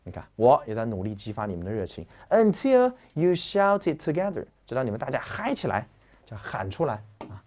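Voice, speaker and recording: Joking, lively man teaching vocabulary. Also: medium pitch, fairly quick. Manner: lively, joking, slangy explaining. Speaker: English teacher. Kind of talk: classroom vocabulary lecture.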